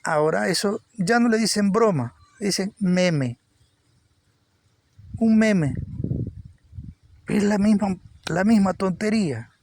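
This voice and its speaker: A man's voice: sits high, expressive, slow pace, long pauses, darkish tone. A man preaching an informal Bible teaching, repeating words for emphasis. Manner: repeats words for emphasis, rising with energy at points.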